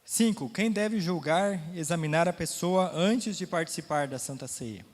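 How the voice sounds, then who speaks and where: A man's voice: a little high, normal speed, long reverb tail. A man with a Brazilian Portuguese accent teaching a Sunday school Bible lesson, talking casually, quizzing the class, his throat a little sore.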